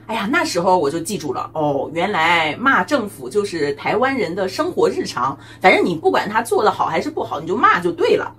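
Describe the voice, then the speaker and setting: A woman's voice: medium pitch, big pitch swings, brisk, hardly any pauses, a bit bright, slight background noise. A woman from China, doing a chatty, teasing comedic monologue as a vlogger and laughing often. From mainland China.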